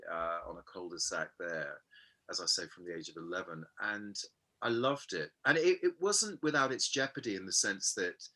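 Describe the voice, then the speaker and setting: A man in his fifties from Hampshire in England, telling stories about his childhood as a guest in a casual interview, self-deprecating and halting with many fillers. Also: sits low, sharp tone.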